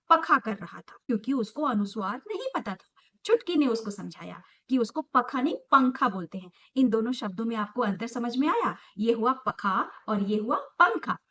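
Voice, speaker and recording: A woman's voice: on the high side, fairly bright tone. A young woman teaching small children, sing-song and emphatic, asking questions and answering them herself. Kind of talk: children's lesson.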